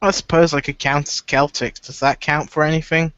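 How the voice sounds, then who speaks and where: A man's voice: on the high side, steady tone, brisk, a bit bright, smooth, no room sound, muffled recording. Laid-back man hosting a live stream. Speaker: stream host. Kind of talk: casual chat.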